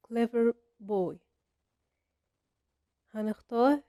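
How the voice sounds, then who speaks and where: Young Egyptian woman, English teacher, mellow higher voice, dry close sound, slow repeated examples. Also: dry recording. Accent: Egyptian Arabic. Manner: explains step by step, drills example phrases slowly. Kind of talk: casual Arabic-language grammar lesson.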